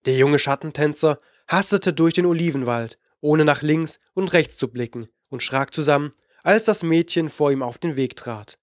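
A man reading fantasy narration for an audiobook in a measured, dramatic way. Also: fairly high pitch, no room sound, studio quality. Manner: measured, dramatic, slowing for suspense.

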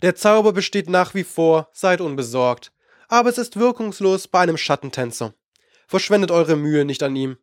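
A man reads an audiobook, voicing a scheming older male sorcerer who is condescending and impatient. He pitches his voice above his own, making it high and expressive at normal speed, in clean studio sound with no room noise.

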